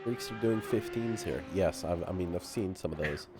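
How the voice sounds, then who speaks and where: A man commentates a live sim race in a low voice at a moderate pace, with a very noisy recording. Nasal from a cold, he keeps giggling and laughing in a playful way.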